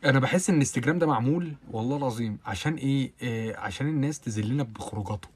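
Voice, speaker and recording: This is a casual live stream where a young Egyptian-accented man talks with his audience and answers what they write. He speaks quickly and a bit roughly, swearing often and breaking into loud, high-pitched laughs.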